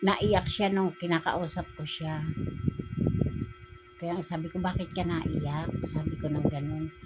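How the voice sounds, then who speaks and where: A woman's voice: sits low, fairly even intonation, measured pace, low-quality recording. A woman vlogger telling her viewers a personal story in a casual, emotional way. She keeps retelling conversations, often repeating how she said it. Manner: emotional, grows quiet and subdued. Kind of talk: casual spoken storytelling vlog. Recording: music playing behind the voice.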